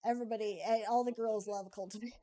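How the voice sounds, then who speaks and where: A woman streaming a card game, chatting casually, reading viewer comments aloud, thinking out loud and laughing often. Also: mid-range voice, fairly even intonation, fast. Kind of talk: casual live-stream chat while playing a card game.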